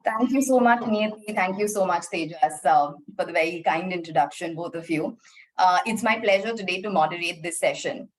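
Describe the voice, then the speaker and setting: A woman moderating an online panel, polite and measured, with frequent "um" fillers. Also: on the low side, rough recording. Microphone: video call.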